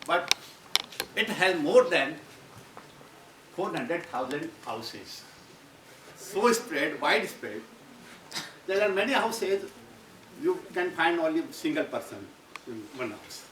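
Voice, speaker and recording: A guest lecturer in a university lecture hall rambles and restarts his phrases. His voice is a little high, sing-song, and fairly bright, with slow delivery and long pauses. The distant mic gives a roomy sound with audible background noise.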